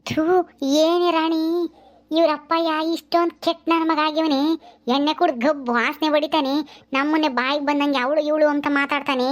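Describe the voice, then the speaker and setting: Brief: woman as a scolding village mother, high-pitched, fond of disgusted exclamations. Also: flat delivery, moderate pace, close to an everyday voice. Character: scolding middle-aged village mother, sharp-tongued.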